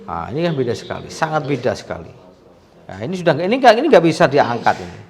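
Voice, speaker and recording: Man, massage therapist; mid-pitched, chatty explainer with sympathetic exclamations. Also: sing-song, fast, creaky. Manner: chatty, alternates coaxing the patient and addressing viewers. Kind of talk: explaining to viewers while treating a patient.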